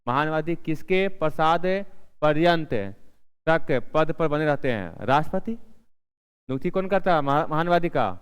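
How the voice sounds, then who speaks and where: A man's voice: a little high, clean tone. A man teaching with quiz questions, in a room with long reverb. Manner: asks questions and answers them himself; repeats key answers several times. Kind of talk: exam-prep lesson.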